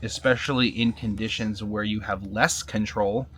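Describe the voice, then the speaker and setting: A man talking casually in a sit-down vlog, halting and repeating words, often checking in with "right?". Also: fairly low pitch, fairly even intonation, fairly bright tone, slight background noise. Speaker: vlogger, husband.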